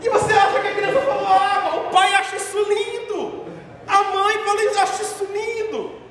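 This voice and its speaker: High-voiced pastor shouting in an echoey hall. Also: male voice, moderate pace. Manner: animated, mocking, swings between shouting and soft asides. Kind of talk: sermon. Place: church hall. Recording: echoey hall, far from mic.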